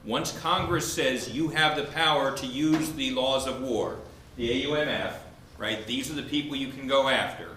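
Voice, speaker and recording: This law professor makes his case in a debate, laying out the argument in steps and answering the very questions he poses. His medium-pitched voice sounds bright and forceful, at a moderate pace with few pauses. It was recorded in an indoor room at a law school event, with a roomy echo and faint noise behind him.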